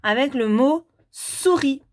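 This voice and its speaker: A woman teacher giving a children's reading lesson, talking slowly and deliberately and repeating syllables clearly. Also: high voice, animated.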